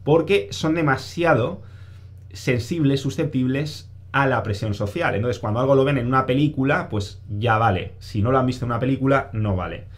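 A man's voice: medium pitch, moderate pace. A man, giving a casual self-help monologue to camera, stressing points by repeating phrases and answering his own questions.

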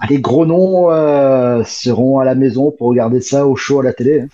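Mellow-voiced male guest, lo-fi sound. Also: medium pitch, fairly even intonation. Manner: halting, with frequent fillers. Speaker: guest cycling journalist. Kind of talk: casual podcast chat. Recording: dull, lo-fi sound.

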